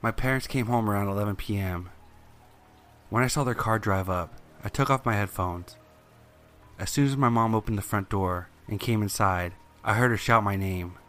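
Man, horror story narrator, low pitch, measured suspenseful delivery, scripted, music underneath. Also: a bit bright.

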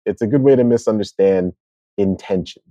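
A male podcast co-host with a somewhat low voice, talking things through in a relaxed, thoughtful drawl. He sounds dry and close to the mic. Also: normal speed, dry recording, highs cut off. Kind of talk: casual chat.

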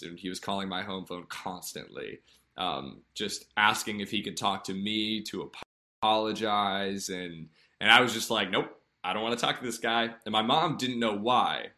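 A man telling a personal story in a candid, earnest way, halting often with fillers and restarts. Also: deep voice, sharp tone.

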